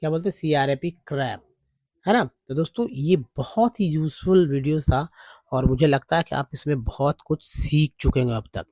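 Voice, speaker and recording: Hindi-speaking man teaching vowel sounds slowly. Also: a little high, a little mellow, no room sound, clean studio sound. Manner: repeats letters and sounds slowly, checking in with "है ना?" and "ठीक है?". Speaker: English teacher. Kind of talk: Hindi lesson on English vowel pronunciation.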